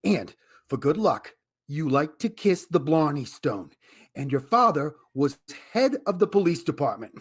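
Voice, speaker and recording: A woman's voice: low voice, very animated, heavily acted. A woman playing a slick wisecracking man. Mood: scheming. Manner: smooth, fast-talking, slangy. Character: fast-talking wisecracking man, Al. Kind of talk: amateur radio drama reading.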